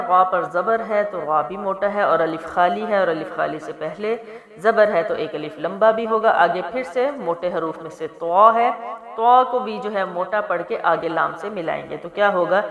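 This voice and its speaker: Patient woman teacher in echoey room. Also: fairly low pitch. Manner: patient, explains each letter then recites in slow melodic chant. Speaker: Quran recitation teacher. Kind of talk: tajweed lesson, spelling out letters then chanting verses slowly. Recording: echoey room with long reverb.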